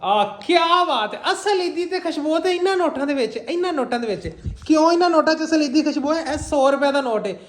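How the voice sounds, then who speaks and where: A man's voice: extremely high pitch, expressive, fast, echoey room. A young man with a Punjabi accent chatting casually in a family vlog, teasing and laughing often. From Pakistan. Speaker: vlogger.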